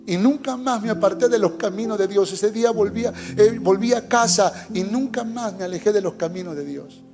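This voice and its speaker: A man's voice: sits high, brisk. A man preaching a sermon as pastor, fervent and urging, sharing his testimony. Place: church hall. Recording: long hall reverb with faint music.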